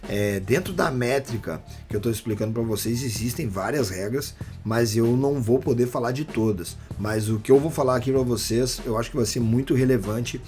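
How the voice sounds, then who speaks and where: A man's voice: medium pitch, normal speed, few pauses, faint music behind. Chatty Brazilian man teaching rap. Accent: Brazilian Portuguese. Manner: relaxed, chatty, slangy, with many fillers. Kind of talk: casual online lesson.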